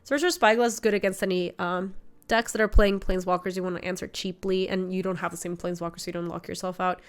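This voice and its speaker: Her voice runs on the low side, smooth and fast, with little movement in pitch. She's a streamer in her twenties with a slight cold, casually commentating on a card game from her home streaming room, talking through her deck choices and reading chat aloud.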